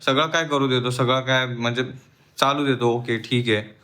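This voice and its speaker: A man's voice: medium pitch, steady tone, normal speed, bright, forceful tone. A man in a home vlog, a father lecturing his small daughter sternly and mixing in English words. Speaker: family vlogger and father. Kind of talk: home vlog, scolding a toddler. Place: at home indoors.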